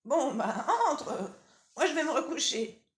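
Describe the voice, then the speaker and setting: A woman's voice: high voice, lively intonation, measured pace, voice pushed up. A woman voicing a tired, frail old grandmother who is kind and chatty, with little laughs, from a storybook. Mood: doting. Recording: roomy echo.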